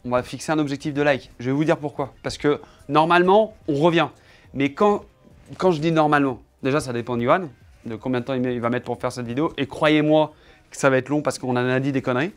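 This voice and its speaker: A man's voice: medium pitch, quick pace. A man in his home office chatting casually to camera, showing off his setup and teasing his cameraman in a playful, joking way.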